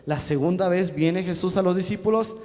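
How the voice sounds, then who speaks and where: A man's voice: high-pitched, normal speed, a little mellow. A male preacher giving a sermon in a church, asking the congregation rhetorical questions. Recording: echoey hall reverb.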